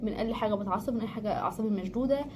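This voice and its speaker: A woman's voice: medium pitch, rapid-fire, noisy background. A woman with an Egyptian accent gives casual life advice to the camera, chatty and repeating words for emphasis. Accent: Egyptian Arabic. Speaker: vlogger giving life advice.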